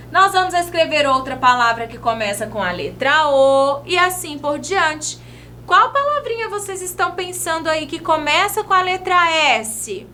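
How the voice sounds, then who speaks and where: A Brazilian teacher gives a video lesson for young children in a high, lively voice whose pitch swings widely. She speaks slowly in a sing-song teacher manner, stretching out each word as she writes, while a faint hum runs beneath the recording.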